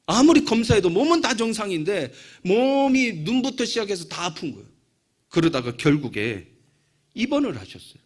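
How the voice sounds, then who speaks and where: A male pastor telling a story in a sermon, dropping to hushed asides and rising into fervent prayer. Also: sits high.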